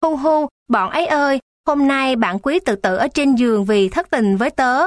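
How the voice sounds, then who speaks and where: A woman's voice: high-pitched, expressive, moderate pace, no room sound, clean studio sound, voice pushed up. Woman doing a wailing teen schoolgirl. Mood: mock wailing. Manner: wailing, sobbing theatrically. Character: teenage schoolgirl in melodramatic mock mourning.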